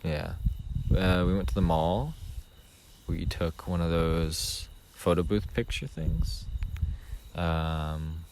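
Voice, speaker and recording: A young man with a deep, low voice chats casually on a podcast, rambling with lots of ums and uhs. The recording carries a steady hiss of background noise. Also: slow pace, vocal fry. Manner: rambling, relaxed storytelling with many fillers. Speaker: podcast co-host. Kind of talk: casual chat. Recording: noisy home recording.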